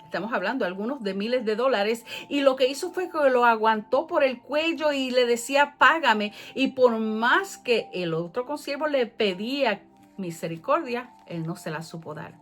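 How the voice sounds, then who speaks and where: A woman's voice: fairly high pitch, expressive, moderate pace, faint music behind. Spanish-speaking woman teaching the Bible. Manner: reads scripture aloud and explains it, rising and louder at key verses.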